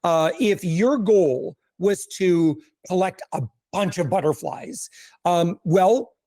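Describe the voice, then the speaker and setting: Energetic man coaching on a podcast. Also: high-pitched, no echo. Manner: energetic, coaching, with quick asides and restarts. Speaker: podcast guest. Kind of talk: casual podcast conversation.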